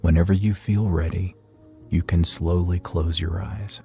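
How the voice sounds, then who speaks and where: With quiet music in the background, a man leads a meditation in a very low, dark, creaky voice that stays relaxed. He talks soothingly and evenly at an unhurried pace, letting long pauses fall between phrases.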